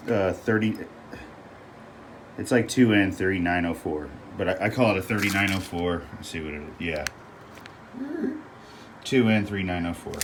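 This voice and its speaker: Low-voiced man over noisy fan hum. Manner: halting, thinking aloud. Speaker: arcade repair host. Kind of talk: casual hands-on repair walkthrough. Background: whirring fan noise.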